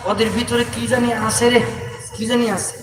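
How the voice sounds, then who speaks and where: A man voicing a stern, suspicious old king in a told story, exclaiming loudly. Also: very high voice, little pitch movement, brisk. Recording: echoey distant loudspeaker outdoors with noise.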